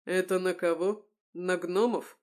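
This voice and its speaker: A woman voicing a burly, cynical male cook who talks in a loud, growling, scoffing way. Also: lowish voice, steady tone, a little slow, lightly acted. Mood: mocking.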